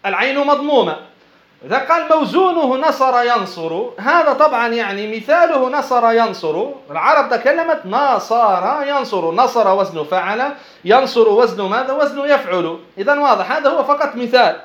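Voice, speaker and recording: A male Islamic scholar teaches Arabic morphology, explaining a text while posing rhetorical questions and answering them himself, often repeating and restarting words. His voice is very high, expressive, a bit bright and a little fast. The sound is echoey, dull and lo-fi.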